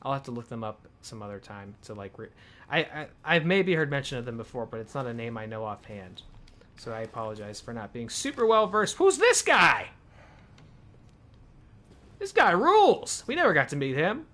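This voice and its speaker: A gaming streamer with a mid-range, slightly bright voice talks briskly with lively intonation during live gameplay. He chats casually, thinks out loud, corrects himself, and reads in-game documents and files aloud.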